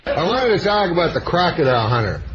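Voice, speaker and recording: A comedian on a radio show telling deadpan jokes, laughing and slipping into character voices. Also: male voice, a little high, quick pace. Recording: noisy lo-fi radio studio with crowd.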